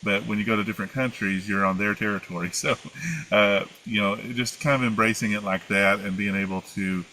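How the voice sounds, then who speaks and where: A man with an Appalachian accent talks as a casual interview guest. His voice is a little low but bright and forward. He rambles along, feeling his way hesitantly through each answer. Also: fairly even intonation, brisk, a little hiss or hum, low-quality recording. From United States. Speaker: interview guest, former flight attendant. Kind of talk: casual conversational storytelling.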